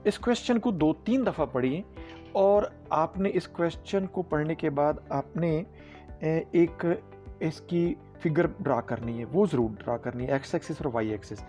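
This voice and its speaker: A man teaching exam math, reading the questions out slowly, then explaining the steps. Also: fairly high pitch, warm tone, soft background music. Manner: reads questions out slowly, explains in mixed Hindi-English. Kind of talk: exam tutorial.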